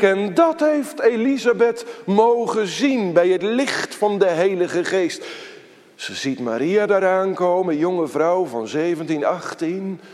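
Slow, emphatic preacher in a reverberant church. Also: male voice, high voice, a little mellow. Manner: slow, emphatic preaching, quotes scripture in solemn tones. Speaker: pastor. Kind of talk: sermon.

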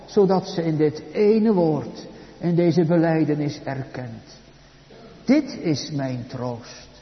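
A man preaching a sermon in a slow, solemn way, his voice swelling and dropping for drama. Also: fairly high pitch. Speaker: pastor. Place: church. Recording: echoey church hall, dull sound.

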